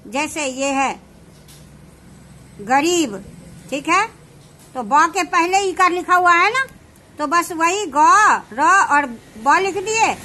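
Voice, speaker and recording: A woman teaching shorthand, explaining each step slowly and checking whether her students understand. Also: sits high, bright, forceful tone, slight background noise. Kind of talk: slow classroom explanation.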